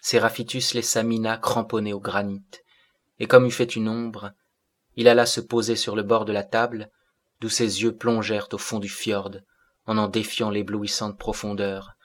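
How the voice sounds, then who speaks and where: A man narrating a classic novel as an audiobook in a measured way. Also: fairly low pitch, little pitch movement.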